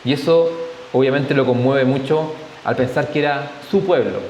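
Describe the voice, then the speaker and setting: A man's voice: mid-range voice, normal speed, a little mellow. Chilean man teaching in an echoey hall. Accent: Chilean Spanish. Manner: conversational, often adds tag questions, jokes. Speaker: Bible study teacher. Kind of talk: church Bible study talk. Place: church hall. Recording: echoey hall, faint hiss.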